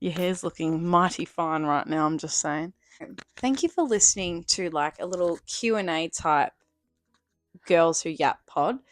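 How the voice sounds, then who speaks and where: A young woman, co-hosting a casual podcast. She laughs in loud bursts and swears casually. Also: fairly low pitch, animated, unhurried, no room sound, faint music behind. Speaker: podcast co-host. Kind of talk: casual chat.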